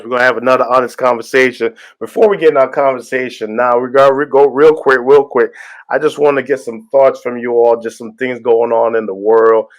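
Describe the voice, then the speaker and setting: A man and pastor hosting a casual podcast, greeting listeners with hype and rambling through his points. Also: medium pitch. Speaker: host and pastor.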